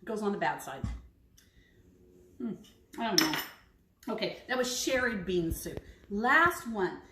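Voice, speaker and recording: A woman's voice: medium pitch, lively intonation, a little slow, bright, forceful tone, a little hiss or hum. A woman taste-testing recipes in a casual kitchen vlog, chatty and frank with hesitant asides. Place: home kitchen. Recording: echoey kitchen, clinking dishes.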